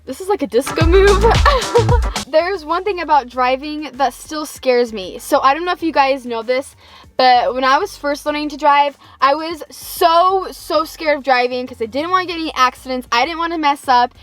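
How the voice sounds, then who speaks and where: A young woman vlogger in a casual, comedic rant to viewers, chatty and animated as she complains with exaggerated emphasis. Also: high voice, normal speed, dry recording. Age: late teens to young adult. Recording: music behind the voice.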